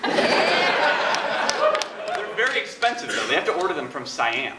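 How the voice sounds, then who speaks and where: High-pitched male sidekick tossing punchy late-night quips. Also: big pitch swings, normal speed. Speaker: on-stage sidekick. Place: large echoey room with live audience. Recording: echoey, very noisy room, distant mic.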